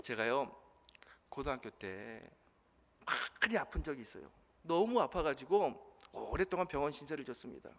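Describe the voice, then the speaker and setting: A middle-aged man preaching a sermon as senior pastor, telling a story emotionally, moving from hushed to loud. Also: medium pitch, big pitch swings, normal speed, gravelly. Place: church sanctuary. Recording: reverberant church hall.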